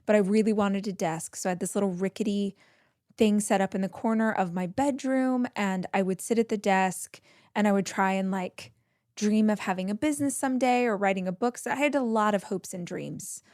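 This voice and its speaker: A woman's voice: mid-range voice, brisk, darkish tone, no room sound, studio quality. Bubbly, chatty woman podcast host. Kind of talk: casual solo podcast talk.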